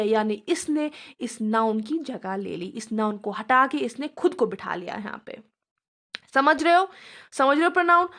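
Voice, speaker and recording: A woman teaching a grammar lesson, coaxing her students and often checking that they understand, reading definitions slowly. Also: sits high, fairly bright tone. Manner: reads English definitions slowly. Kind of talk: classroom grammar lecture.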